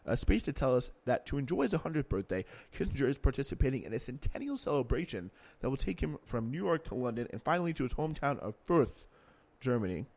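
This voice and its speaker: A man's voice: mid-range voice, sing-song, quick pace, darkish tone, no room sound. A man hosting a podcast, reading news passages aloud and adding sardonic, sarcastic asides. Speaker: podcast host. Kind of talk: political commentary, reading and remarking.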